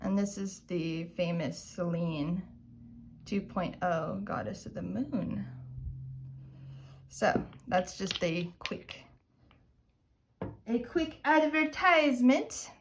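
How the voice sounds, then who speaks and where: A woman chatting in a casual haul video, gushing and self-describedly dorky, sometimes dropping to soft murmurs while showing polishes. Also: mid-range voice, slow pace, long pauses, noisy background. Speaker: nail polish vlogger.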